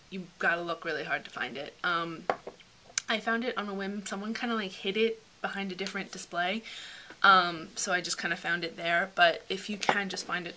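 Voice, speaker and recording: Bright, chatty young woman vlogger. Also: mid-range voice, a little hiss or hum. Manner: chatty, rambling, many fillers. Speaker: beauty vlogger. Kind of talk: casual product review chat.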